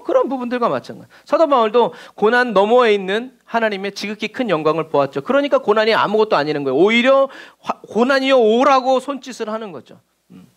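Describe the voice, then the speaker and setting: Animated Korean preacher, high lively voice. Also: male voice. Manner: animated preaching, acts out quoted voices, chuckles often. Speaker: pastor. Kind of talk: sermon. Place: church sanctuary.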